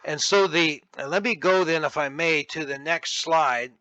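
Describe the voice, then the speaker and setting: A man gives a Bible lesson over on-screen slides, with a bright, forceful, slightly high voice. He explains step by step and often restarts mid-phrase. The recording is dry and close. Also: dry recording, dull audio. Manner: deliberate, with frequent restarts and fillers. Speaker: Bible teacher.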